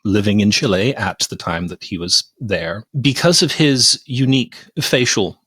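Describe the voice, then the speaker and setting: A man hosting a film podcast, recapping scenes in a lively storytelling way and laughing now and then. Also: on the low side, normal speed, husky, no room sound, studio quality. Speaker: podcast host. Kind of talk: casual film review chat.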